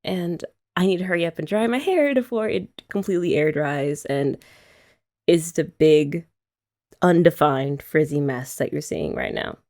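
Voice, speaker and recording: A young ASMR creator speaks in a low, slightly mellow voice while acting as a girlfriend in a scripted roleplay. She keeps things playful, teasing her partner and laughing frequently.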